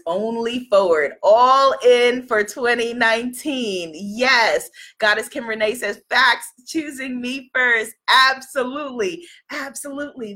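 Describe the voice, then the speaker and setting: A spiritual life coach hosts a motivational livestream while sniffling from a cold. Her voice is fairly high and fairly bright, and she's emphatic and encouraging, repeating affirmations and phrases for effect.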